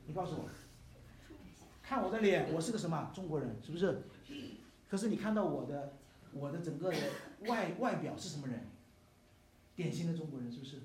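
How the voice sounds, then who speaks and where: A man's voice: on the high side, lively intonation, a little fast, a little mellow. An older man preaching a sermon as pastor, emphatic, with many rhetorical questions to the congregation. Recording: echoey hall, mic at a distance.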